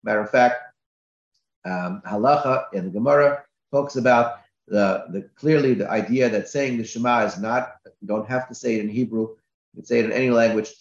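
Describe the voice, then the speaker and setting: A man's voice: mid-range voice, fairly quick. A man, a rabbi, giving a Torah class with emphatic repetitions, recorded lo-fi in an echoey room.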